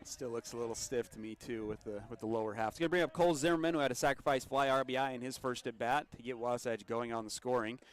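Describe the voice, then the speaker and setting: A man calling a high school baseball game for local radio from a booth at the ballfield. He delivers steady play-by-play at a middle pitch and laughs easily with his partner between pitches. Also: fast talker, few pauses. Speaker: play-by-play announcer.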